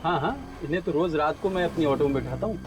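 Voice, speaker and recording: An actor playing a respectful, cooperative auto-rickshaw driver answering questions in a TV crime drama. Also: male voice, a little high, animated, quick pace, very noisy, lightly acted. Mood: puzzled. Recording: music behind the voice.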